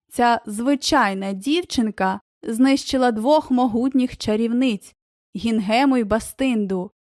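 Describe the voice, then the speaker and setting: A sly, scheming heavyset male traitor, put on by a woman narrator in a storybook reading. He speaks in a wheedling, shrill way, his voice pitched on the high side. The sound is dry and close. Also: dry recording, close to an everyday voice.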